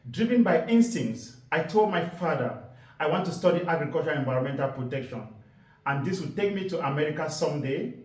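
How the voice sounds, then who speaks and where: A man in his forties speaks, his voice sitting a little high for a man. He tells his story earnestly and leans on key words. His voice comes from a distance and rings around a roomy space. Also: animated, a little mellow. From Cameroon. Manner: earnest, storytelling delivery with deliberate emphasis. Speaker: environmental activist giving a presentation. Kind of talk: public presentation talk.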